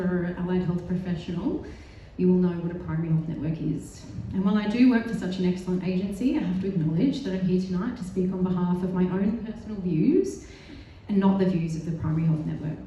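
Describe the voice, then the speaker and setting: On a panel in a large synagogue hall, an Australian-accented woman gives a prepared speech that is earnest and determined, lightened by self-deprecating asides. Her voice is lowish and mellow, with a little hiss or hum, captured from a distance amid heavy echo.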